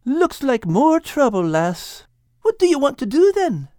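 A man's voice: very high voice, wildly swooping pitch, unhurried, warm tone, dry recording, clean studio sound, voice pushed up, exaggerated voice. A man voicing a good-natured, ever-hungry male furry animal with a put-on lilt. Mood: earnest.

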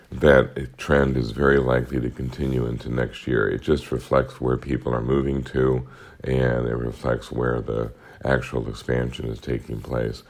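A man with a gravelly, hoarse and tired voice, presenting a market outlook as a podcast host in a measured, explanatory way. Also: very deep voice, darkish tone. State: hoarse, tired voice from two weeks on the road. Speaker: podcast host, economic analyst.

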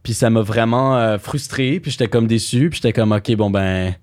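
A young man with a Québécois French accent, chatting casually as a podcast host, relaxed with many fillers. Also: mid-range voice, a little fast, no room sound, studio quality. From Quebec. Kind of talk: casual conversation.

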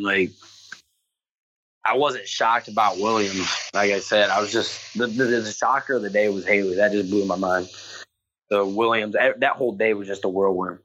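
On a video call, a man with a fairly low, slightly bright voice talks bluntly about football in a casual interview, swearing freely. The dull, lo-fi line makes his audio break up at times.

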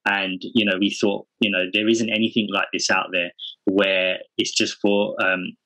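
A man's voice: lowish voice, level tone, moderate pace, pushed and bright, rough recording. A man speaking earnestly and informally as a guest in a casual podcast interview. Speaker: podcast guest, parenting community founder.

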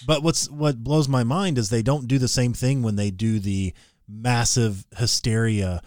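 A man co-hosting a casual talk podcast, telling stories with a sarcastic, animated edge. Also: mid-range voice, a little slow, no echo, studio quality. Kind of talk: casual conversational discussion.

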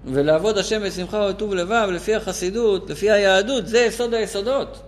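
A man teaching a lesson to a live class, telling a story animatedly, his voice jumping up for emphasis. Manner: animated, pitch jumps up for emphasis. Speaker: Torah teacher.

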